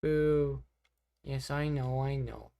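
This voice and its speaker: Live on stream, a young woman rambles casually with her chat, reacting to messages and poking fun at herself. Her very deep voice is creaky and mellow, with fairly even intonation and a slow pace, captured in a clean tone.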